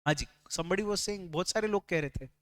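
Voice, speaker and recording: A man's voice: sits high, normal speed. A man with an Indian English accent teaching a classroom lecture, explaining step by step, asking the class questions and mixing English phrases into his speech. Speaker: tax lecturer.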